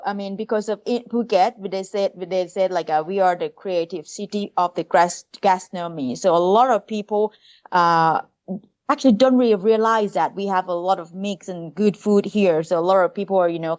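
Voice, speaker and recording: A young woman with a Thai accent chats as a guest on a podcast, often stopping to search for the right English word. Her voice sits at an ordinary pitch and comes through a little dull, as if over a remote connection. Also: darkish tone. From Thailand. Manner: hesitant, searching for words, many fillers. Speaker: food tour guide. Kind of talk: casual podcast interview.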